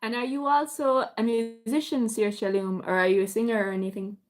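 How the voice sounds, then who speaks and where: A woman's voice: on the high side, fairly even intonation, a little fast. A woman from North Kerry in Ireland with a Kerry accent, a music teacher casually chatting on a livestream and greeting viewers by name. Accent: Irish, Kerry. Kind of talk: casual livestream chat reading viewer comments.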